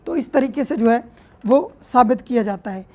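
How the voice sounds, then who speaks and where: Her voice sits on the high side and sounds mellow and animated as she moves at a moderate pace. A Pakistani-accented woman, she delivers an explanatory law lecture in a teacherly way, reading and paraphrasing legal text with frequent check-ins.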